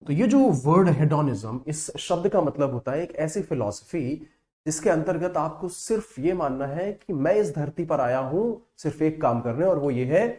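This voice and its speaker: A man teaching English vocabulary in a lesson that mixes Hindi and English. He explains slowly and keeps checking with "right?" and "correct?". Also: fairly high pitch, expressive, darkish tone. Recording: echoey room.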